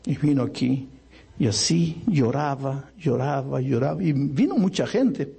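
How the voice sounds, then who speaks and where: Husky, mellow-voiced male preacher. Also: unhurried. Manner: animated, with pitch leaps for emphasis. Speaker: pastor. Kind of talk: storytelling sermon.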